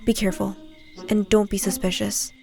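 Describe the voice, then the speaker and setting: A woman's voice: mid-range voice, little pitch movement, moderate pace, creaky, over music, close to an everyday voice. A woman playing a protective guide in an audio drama, sensible and dryly exasperated, teasing as she encourages. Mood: focused, cautious.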